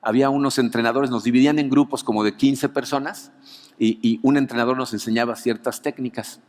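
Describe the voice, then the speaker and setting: A male pastor with a Mexican Spanish accent, preaching an anniversary sermon as an animated storyteller who keeps adding "¿no?" to his lines. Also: mid-range voice, brisk. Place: church auditorium. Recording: long reverb of a church hall.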